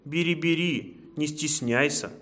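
A small, eager male hare from a fairy tale, his voice raised high and bright, as a man puts him on. He chatters generously and stammers when frightened. Soft reverb from the room hangs on every line. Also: a little slow. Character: timid kind young male hare.

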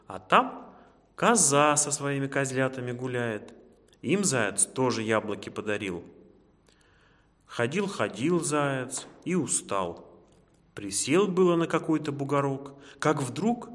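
A man narrating a children's fairy tale in an expressive storytelling manner. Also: medium pitch. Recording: echoey room reverb.

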